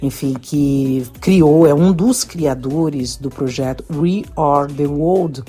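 A woman from Brazil speaks with earnest conviction in a news interview, her voice low and husky. She keeps adding small tag questions as she talks, and a faint bed of music sits under her words. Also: slow pace, dark tone. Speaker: interviewed singer. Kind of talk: interview soundbite.

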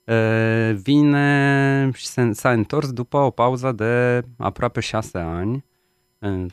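A man answering as a guest in a live radio interview, halting as he searches for words. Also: medium pitch, clean tone, no room sound, clean studio sound. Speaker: studio guest, festival project coordinator and interpreter. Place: radio studio. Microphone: studio microphone.

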